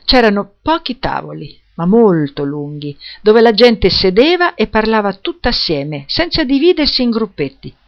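Brief: female storyteller, measured reading, muffled lo-fi audio. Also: medium pitch, big pitch swings. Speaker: narrator. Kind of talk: scripted story narration.

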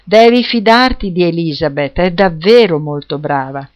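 A woman's voice: lowish voice, lively intonation, normal speed, close to an everyday voice. A woman voicing a friendly young woman who is eager and encouraging. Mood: assuring.

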